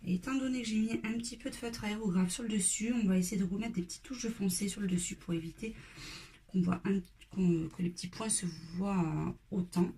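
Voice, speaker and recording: Woman, tutorial host, relaxed and chatty, mid pitch, faint pencil noise in the background. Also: fairly quick. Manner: casual, relaxed explaining with fillers, sometimes drops to a whisper. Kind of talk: step-by-step coloring tutorial.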